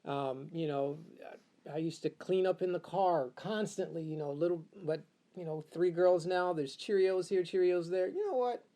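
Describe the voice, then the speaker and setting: Speaking at a moderate pace, this high-voiced man from Uganda has a dark tone. He is middle-aged and is an interview guest in a relaxed personal conversation, reflecting aloud and repeating phrases to stress his points.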